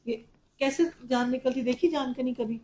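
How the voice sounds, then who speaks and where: Pakistani urdu lady teaching quran, vivid storyteller, highish voice, roomy echo. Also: fairly even intonation, mellow, slight background noise. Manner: vivid storytelling with personal anecdote. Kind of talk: religious lecture.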